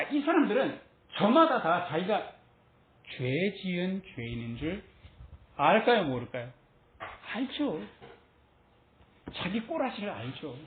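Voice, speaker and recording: Questioning woman preacher, tinny and echoey. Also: medium pitch. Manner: asks the listeners many rhetorical questions; light laughs between phrases. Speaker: Bible teacher. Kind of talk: sermon-style Bible lesson. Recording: tinny phone-like sound with roomy echo.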